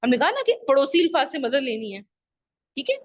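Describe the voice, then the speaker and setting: Lively high-voiced woman teaching children. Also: moderate pace, highs cut off. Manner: patient, repeats rules and examples, asks the class questions. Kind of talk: online Arabic grammar lesson for children. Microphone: video call microphone.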